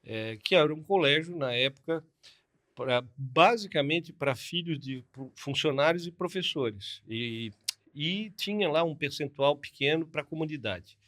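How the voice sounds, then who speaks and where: Expressive and on the high side, this man's fairly bright voice keeps a measured pace. He is a Florianópolis plastic surgeon in his fifties with a southern Brazilian Portuguese accent, recounting his story casually as a podcast interview guest.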